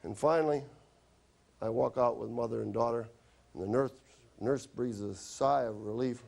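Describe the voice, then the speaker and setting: A doctor speaks to a stop-smoking audience with a gravelly, creaky voice at an ordinary pitch for a man. He tells stories from his practice with a chatty, wry humor. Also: moderate pace, a little mellow. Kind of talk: storytelling health lecture.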